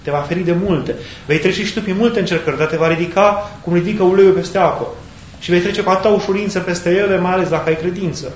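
Man preaching a sermon in an echoey room. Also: sits high. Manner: thoughtful, searching for words with pauses and restarts. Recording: echoey, dull sound with faint background hiss.

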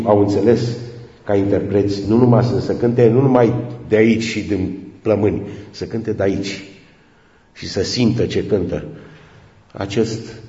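A man with a low voice tells a wandering, chatty story to an audience and turns to his listeners often. He is recorded in a large hall with long, roomy reverb. The sound is dull and lo-fi. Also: warm tone. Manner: digressive, chatty, addresses listeners directly. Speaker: speaker addressing an audience. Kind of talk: informal storytelling lecture.

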